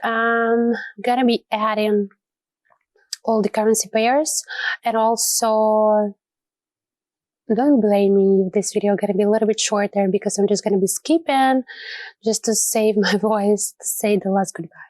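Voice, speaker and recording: Woman host, sick and hoarse, lowered voice, casual rambling trade commentary, dry close sound. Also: steady tone, measured pace, a little mellow, no echo. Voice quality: lower than her usual voice. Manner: chatty and rambling, with light laughs. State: hoarse from illness. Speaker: trading channel host. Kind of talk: casual trading commentary over a screen recording.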